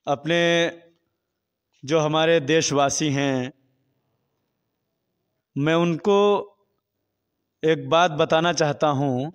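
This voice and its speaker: A man being interviewed who speaks softly at first and then declaims political couplets with rising force. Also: a little high, fairly even intonation, extremely slow, long pauses, smooth, big-room sound, highs cut off. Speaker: interviewee, local political campaigner. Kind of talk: recited political couplets and appeals.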